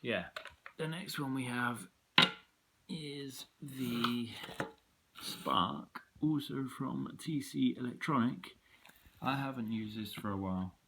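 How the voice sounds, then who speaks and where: A man's voice: medium pitch, slow pace, long pauses, background noise. A man casually walking through his effects pedals, rambling with frequent ums and blunt opinions. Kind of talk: casual gear walkthrough.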